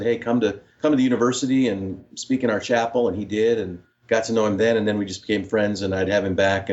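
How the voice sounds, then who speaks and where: A middle-aged man, an author and professor, telling stories in an interview with lots of fillers and restarts. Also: on the low side. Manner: warm storytelling with many fillers and restarts. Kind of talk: interview answers. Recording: dull, lo-fi remote line.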